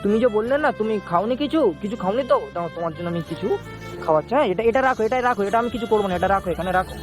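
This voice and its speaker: A man vlogging in the street, gently coaxing and soothing a small child while making emotional asides to a friend. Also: high voice, expressive, very fast. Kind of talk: street vlog talking to a child. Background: music.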